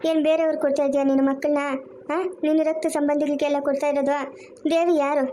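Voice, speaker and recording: A woman's voice: sits high, level tone, quick pace, mellow, slight background noise, lightly acted. Woman voicing an older soothing village woman. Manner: coaxing, soothing. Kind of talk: family cartoon voice acting.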